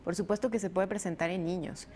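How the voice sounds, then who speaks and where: A woman rheumatologist, explaining a disease in measured interview answers with frequent fillers. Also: lowish voice, steady tone, mellow. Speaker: rheumatologist guest. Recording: faint background noise.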